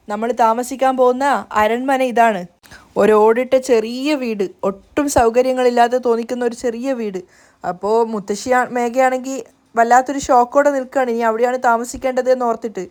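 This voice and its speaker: High-voiced woman retelling a story. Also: darkish tone. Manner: plainly narrating, slight restarts.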